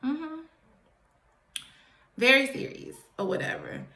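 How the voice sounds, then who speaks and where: Woman, young adult, chatty vlog storytelling, animated, bright voice, echoey room. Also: high voice, slow, creaky. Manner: animated, chatty, addresses viewers as y'all. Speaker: vlogger. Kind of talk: casual storytelling to camera.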